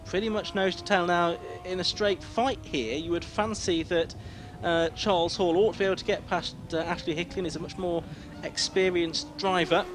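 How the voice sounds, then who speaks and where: A man's voice: high-pitched, steady tone, normal speed, few pauses. A man working as a motorsport commentator, calling a race live with descriptive play-by-play. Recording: noisy trackside outdoor sound, engines behind.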